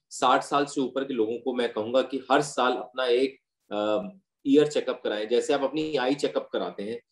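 A man who is an ENT doctor, calmly explaining hearing problems and giving patient advice with medical terms in an interview. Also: mid-range voice. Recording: roomy echo.

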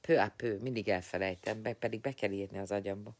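Low-pitched, tired man hosting a live stream, chatty and teasing with viewers. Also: steady tone. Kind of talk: casual live-stream chat, greeting and answering viewers.

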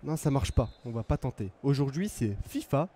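A man's voice: medium pitch, expressive, moderate pace, warm tone. A young man co-hosting a live gaming stream, joking around with crude banter. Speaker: streamer co-host.

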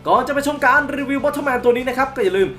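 A young man hosting a casual toy unboxing review. He is excitable, exclaims often and hums little sound effects as he shows the box. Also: extremely high pitch, racing, soft background music. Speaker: toy reviewer, channel host.

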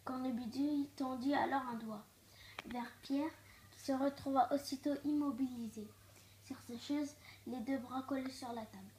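Expressive woman reading a storybook aloud. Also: high voice, moderate pace, a little hiss or hum. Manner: expressive, dropping to hushed tones for suspense. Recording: echoey room.

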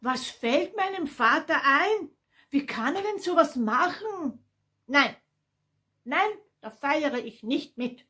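An angry older brother, indignant and protesting in a raised, rather high voice, as a woman storyteller plays him. Slow and emphatic, in a children's Bible story reading. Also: lively intonation, pushed and bright, heavily acted. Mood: resentful.

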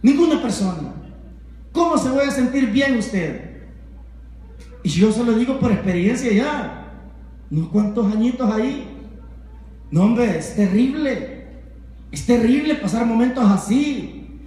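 Male evangelist, high voice, fervent sermon with constant amens, recorded in a very echoey room. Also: animated, unhurried, pauses often, warm tone. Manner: fervent preaching, rhetorical questions, repeated amens. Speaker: evangelist preacher. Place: home.

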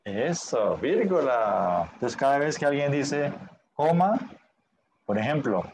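A man's voice: fairly high pitch, animated, measured pace, darkish tone, slight background noise. A man teaching a Spanish class online in a patient way, often checking in with short questions.

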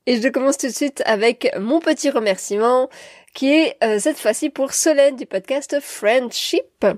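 A woman's voice: sits high, moderate pace, a little mellow, no echo. A woman hosting her solo podcast, talking to her listeners in a friendly, direct way. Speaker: podcast host. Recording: dry close recording.

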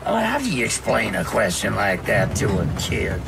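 An actor playing a weary, tender old grandfather who speaks in a slow, folksy storytelling manner, in a film drama. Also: on the low side, huge pitch swings, heavy background noise, heavily acted. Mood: wistful. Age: older. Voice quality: gravelly. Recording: film audio with music score.

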